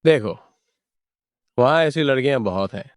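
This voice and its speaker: A man's voice: medium pitch, a little slow, clean tone, dry recording, clean studio sound, natural voice. A man voicing a teasing young male friend in a dubbed drama, playful and mocking. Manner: teasing, lively.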